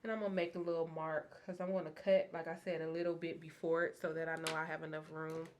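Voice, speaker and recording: A woman casually explaining a craft project step by step, chatty and excited about her materials. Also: sits low, quick pace, slight background noise. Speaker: craft tutorial host. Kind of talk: casual DIY how-to narration.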